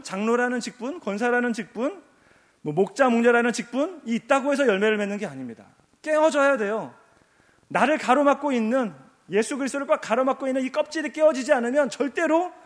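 A man's voice: very high voice, long reverb tail. A male pastor preaching a sermon, emphatic and repetitive, asking rhetorical questions, in a church sanctuary.

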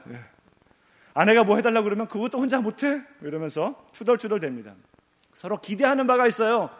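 Male preacher, high voice with wide swings, emphatic, repeats points and asks the congregation rhetorical questions. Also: big-room sound. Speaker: pastor. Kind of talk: sermon.

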